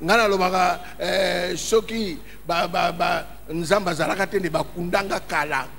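A male pastor delivers a fervent sermon, his voice high and bright as he calls out in emphatic bursts. He speaks in slow, stretched phrases. The sound carries a long hall reverb over faint background ambience. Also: fairly even intonation, creaky, slight background noise. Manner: impassioned, calling out in emphatic bursts.

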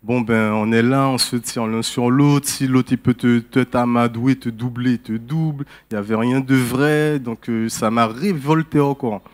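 A man's voice: mid-range voice, fairly even intonation, unhurried, few pauses. A man from Guiana, giving a candid, hesitant personal testimony at a church service. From French Guiana.

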